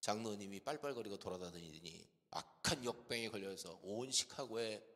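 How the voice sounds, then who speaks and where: A middle-aged man preaches a storytelling sermon in a church sanctuary. His voice is bright and ringing, and his pitch swings widely as he acts out his stories. A long hall reverb trails after every phrase. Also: expressive, normal speed. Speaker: guest pastor preaching.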